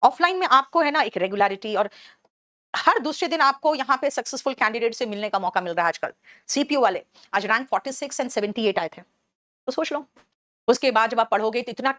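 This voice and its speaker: A woman from Bihar teaching English words in a live online class, briskly and in a motherly way, switching to English terms and answering students' questions as she goes. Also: on the high side, fairly bright tone, dry recording, clean studio sound. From Bihar, India. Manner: explains English words in Hindi, switching between the two.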